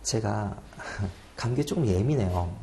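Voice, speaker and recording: A chatty, self-deprecating exam prep lecturer in his twenties laughs frequently during a lecture. His voice sits on the low side, gravelly and mellow, with lively intonation and a slightly slow pace. The lecture room sounds echoey, with a faint hum.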